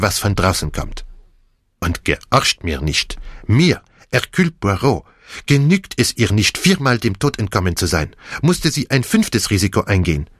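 A man voicing an excitable, fussy aging Belgian detective with a theatrical, exclamatory delivery. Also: fairly low pitch, breathy edge, no room sound, clean studio sound, exaggerated voice. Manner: theatrical, exclamatory, self-reproaching.

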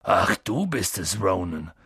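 A man voicing a huge, gruff half-giant gamekeeper in an audiobook, with a rough, grim and wary way of talking. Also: medium pitch, animated, a little slow, no room sound, studio quality, full character voice. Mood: relieved. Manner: grim, wary, gets loud and impatient. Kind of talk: audiobook character voice.

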